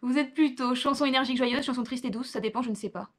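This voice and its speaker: A woman's voice: high-pitched, fast talker. A young woman, reading quiz questions aloud and answering with offhand asides in a casual vlog. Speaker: vlogger.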